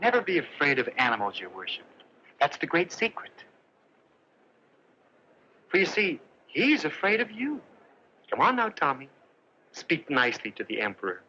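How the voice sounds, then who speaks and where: A meek, gentle tailor with a highish, lilting voice that swoops about as he coaxes and soothes. It comes from a dull, hissy old film soundtrack in 1950s movie style. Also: wildly swooping pitch, normal speed, long pauses, exaggerated voice. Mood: coaxing. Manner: soft, coaxing and cajoling, talks baby-talk to the lion.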